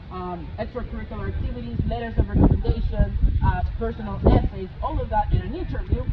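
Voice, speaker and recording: High-voiced Chilean student on a tour. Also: male voice. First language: Spanish. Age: young adult. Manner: earnest, explanatory, pointing things out. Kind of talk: walking campus tour. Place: outdoors on a college campus yard. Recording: tinny phone-like audio with loud outdoor traffic noise.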